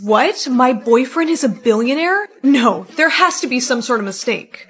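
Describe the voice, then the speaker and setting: Synthetic woman, text-to-speech storytime, slightly high voice, even clipped delivery. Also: normal speed.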